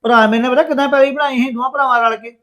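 A man acting a brother-in-law in a family drama, soothing and persuading in a calm way. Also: very high voice, very fast. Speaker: actor playing the brother-in-law.

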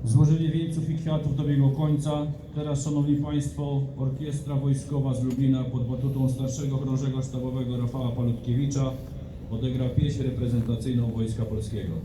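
A man's voice: mid-range voice, flat delivery, a little fast, noisy background. Echoing formal male ceremony announcer. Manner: solemn, formal. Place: large outdoor town square. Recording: echoing outdoor PA, music behind.

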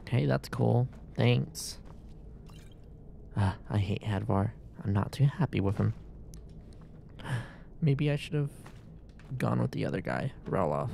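A man's voice: mid-range voice, lively intonation, measured pace, vocal fry, pauses often, dark tone, slight background noise. A man giving casual commentary while streaming a game, sarcastic and swearing at the game's characters.

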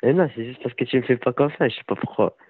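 A man's voice: mid-range voice, fast talker, slightly rough. A man in his twenties, a caller in a casual phone chat, cheeky and playfully stubborn. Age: 20s. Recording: tinny phone line.

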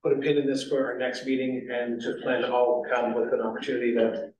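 A man's voice: mid-range voice, level tone, brisk, darkish tone, slight background noise. A man chairing a city zoning board meeting, talking in a rambling way with many fillers and restarts. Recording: echoey meeting room, distant mic.

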